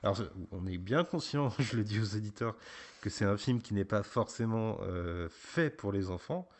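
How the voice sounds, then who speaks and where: A man hosting a casual podcast, patiently guiding a young guest with gentle questions. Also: on the low side, expressive, moderate pace. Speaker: podcast host interviewing a child.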